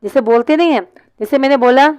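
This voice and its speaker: A woman's voice: high voice, fast, a little mellow, smooth, no echo, rough recording. A woman teaching an online English class, explaining step by step and answering her own questions.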